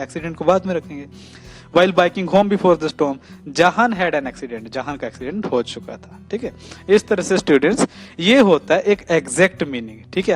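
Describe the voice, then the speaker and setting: A man with an Indian accent teaching an exam-prep English grammar lesson in Hindi and English. He often says "theek hai" and reads English example sentences slowly. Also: a little high.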